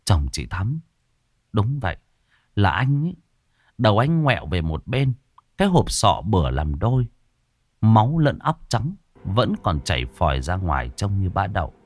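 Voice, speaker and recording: Man, ghost story narration, dramatic, deepish voice, lively pitch, dry sound. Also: normal speed, dry recording. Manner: dramatic storytelling, varied delivery.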